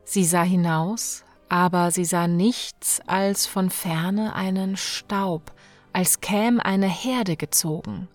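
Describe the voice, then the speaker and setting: Woman slowly reading a dark fairy tale. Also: fairly low pitch, steady tone, soft background music. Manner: slow, dramatic storytelling with hushed moments. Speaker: narrator.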